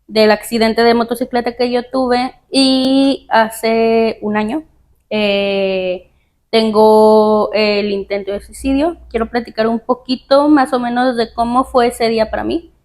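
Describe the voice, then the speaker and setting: A woman telling her personal story in a soft, hesitant way, pausing often and using fillers. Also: a little high. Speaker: guest sharing her testimony. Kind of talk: personal testimony in conversation.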